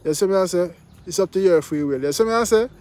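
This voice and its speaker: A man's voice: high voice, fast talker, darkish tone. A man reviewing a song in casual chat, talking in patois phrasing and singing along at times. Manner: Jamaican-style patois phrasing, sings along. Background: music playing.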